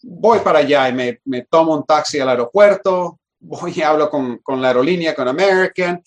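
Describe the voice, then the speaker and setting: A man casually telling a long anecdote in an interview, animated and full of restarts and repeated words. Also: on the high side, normal speed. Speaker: guest telling a work story.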